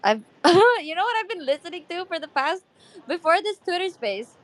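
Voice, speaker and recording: A woman's voice: extremely high pitch, sing-song, normal speed, fairly bright tone. A woman in casual chat who is sick, giggling often and drawing out her reactions. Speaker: co-host of a live audio chat.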